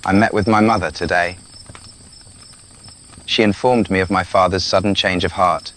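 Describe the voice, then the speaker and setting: A man with a British accent plays a restless, rebellious young prince in an intimate, sardonic audio roleplay, speaking to the listener. His low voice is steady, a bit bright, and moderately paced, with a little hiss or hum. The mood is bitter and despairing.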